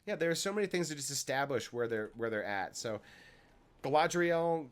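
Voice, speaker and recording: A man's voice: medium pitch, animated, moderate pace. A man in casual chat while gaming, blunt and cynical, reeling off complaints.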